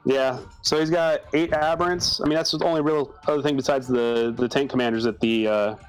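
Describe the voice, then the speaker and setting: A man speaks over group voice chat as a live commentator on a tabletop game. He talks very quickly in a middle pitch and thinks aloud, often restarting his sentences. Faint music plays underneath. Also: steady tone, clear, resonant tone, low-quality recording. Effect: heard over group voice chat.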